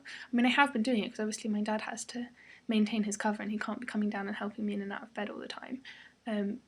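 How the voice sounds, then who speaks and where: A young British woman talking casually and ramblingly in a personal vlog, sounding tired the day after surgery, with a breathy, slightly husky voice. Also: medium pitch. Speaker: vlogger.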